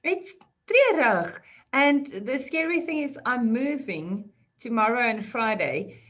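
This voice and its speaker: A woman's voice: fairly high pitch, lively intonation, slow pace, fairly bright tone, lo-fi sound. A woman speaking as an attorney panelist in an online discussion over a video call. She is chatty and self-deprecating, explaining points at length.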